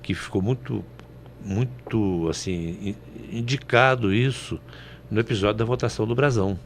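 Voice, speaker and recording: A man's voice: fairly low pitch, moderate pace, a little hiss or hum. A man from Brazil commenting on politics on a panel show, folksy and anecdotal, often ending with "né?".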